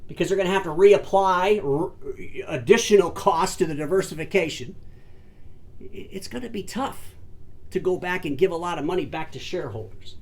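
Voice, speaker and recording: A man hosts his own industry commentary show, speaking straight to camera with emphasis, calling his audience "folks" and "ladies and gentlemen." His high voice is expressive and moderately paced, and he often repeats words and restarts sentences.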